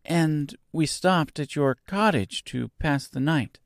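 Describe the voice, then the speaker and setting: A man voicing a timid, kind, softly spoken young girl in a storybook. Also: on the high side, slow pace, vocal fry, no echo, clean studio sound, pitched above the performer's own voice. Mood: earnest, friendly. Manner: timid, soft, gentle. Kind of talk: storybook character voice.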